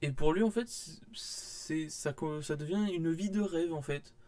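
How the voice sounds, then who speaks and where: A man's voice: a little high, unhurried, dark tone. A young man, casually rambling through a manga haul vlog with many fillers and restarts. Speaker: manga vlogger.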